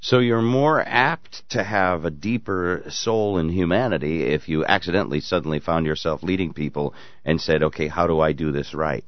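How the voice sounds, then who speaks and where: Low voiced guy hosting a casual call-in radio show, dry slightly dull sound. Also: moderate pace, no echo. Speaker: radio talk show host.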